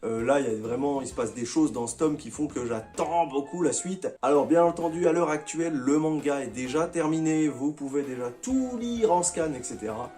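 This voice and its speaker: A man's voice: a little high, expressive, normal speed, few pauses, dark tone, faint music behind. Chatty French-speaking man reviewing manga. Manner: chatty, enthusiastic, uses slang. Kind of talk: casual monthly manga haul review.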